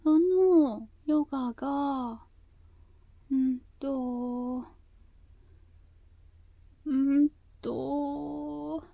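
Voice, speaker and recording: A woman talking casually and haltingly in a cutesy anime-girl voice, often repeating herself as she searches for words. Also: sits high, vocal fry, dry recording, dull audio. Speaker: video host. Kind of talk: slow casual monologue.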